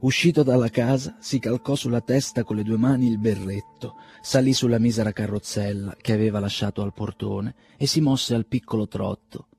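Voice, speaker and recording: A man narrates a classic novel in a steady, expressive storytelling manner. His voice is low and mellow, with a soft music bed faintly behind him. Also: normal speed, gravelly, few pauses, slightly rough. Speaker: audiobook narrator. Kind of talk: scripted literary narration.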